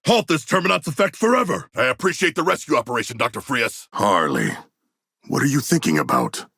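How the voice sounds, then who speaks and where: Game creature role: hulking shark-man, earnest and bloodthirsty, stiffly formal diction, forceful bright edge with big swings in pitch, gravelly. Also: no echo, clean studio sound, exaggerated voice. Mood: battle-ready, forceful. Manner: formal, stilted, articulate, deadpan. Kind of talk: video game voice lines.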